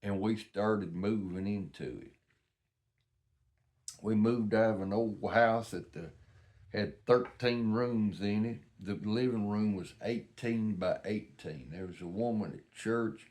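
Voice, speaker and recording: An older Southern American man with a fairly low voice reminisces casually. He is plain-spoken and folksy, rambling along as he tells his stories. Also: slow, a little mellow. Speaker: vlogger.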